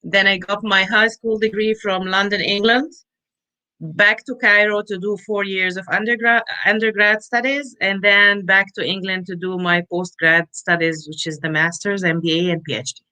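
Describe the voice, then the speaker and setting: A woman's voice: mid-range voice, fairly even intonation, moderate pace, pushed and bright, poor audio. A middle-aged woman from Egypt, chatting as an interview guest about her work as a business consultant, laughing often and restarting her sentences. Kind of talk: casual interview chat.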